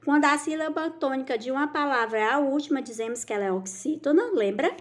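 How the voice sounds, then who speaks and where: High-voiced warm Brazilian woman teacher. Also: animated, fast. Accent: Brazilian Portuguese. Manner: affectionate, patient, drawing out key words. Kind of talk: recorded school lesson for children.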